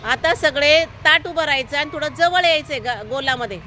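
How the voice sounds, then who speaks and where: A woman's voice: high-pitched, a little fast, noisy background. A woman teaching a class of young children, telling a story and asking them constant questions, with firm, encouraging instructions. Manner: asks the children constant questions, coaxing answers. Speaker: primary school teacher. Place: school, with outdoor traffic noise behind.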